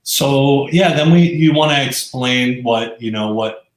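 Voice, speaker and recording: Interviewed in a roomy, echoey space, a professional who makes explainer videos describes his work casually in an unhurried, medium-pitched voice, often circling back to rephrase.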